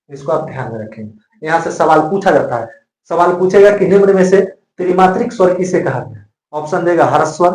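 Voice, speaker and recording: A man teaches grammar in a bright, fairly high voice. He drills each point by saying it again and again. The sound is roomy and echoey. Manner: repetitive, drills points by repeating them. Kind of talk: classroom grammar lesson. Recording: echoey room.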